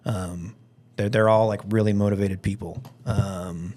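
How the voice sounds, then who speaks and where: A firearms instructor and event organiser from Alabama talks casually as a podcast guest, rambling informally and relying on fillers like "like" and "you know." His voice is on the low side and dark, unhurried, with fairly even intonation.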